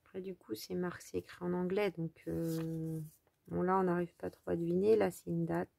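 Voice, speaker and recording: Creaky-voiced French woman chatting while crafting. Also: on the low side, little pitch movement, normal speed, dark tone, dry recording. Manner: chatty and hesitant, many fillers, thinking aloud while crafting; talks straight to her viewers. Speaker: crafting vlogger. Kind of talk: casual craft-along chat.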